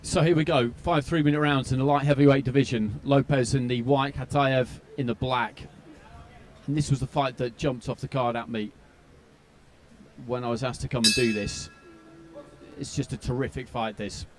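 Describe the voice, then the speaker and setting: A man giving live boxing commentary in conversational, analytical, measured phrases. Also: mid-range voice, steady tone.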